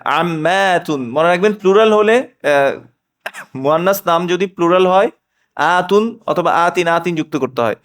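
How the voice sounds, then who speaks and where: A man's voice: fairly high pitch, a bit bright. A middle-aged man teaching a classroom language lesson, patiently drilling and questioning his students. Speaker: Arabic teacher.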